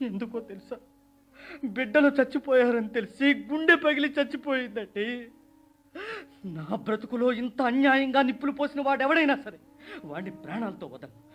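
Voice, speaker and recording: A man acting out a shattered working man in a radio play, pouring out bitter accusations. His voice sits unusually high for a man and stays impassioned throughout. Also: roomy sound, highs cut off, heavily acted. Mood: vengeful grief. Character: grieving poor man, angry and vengeful.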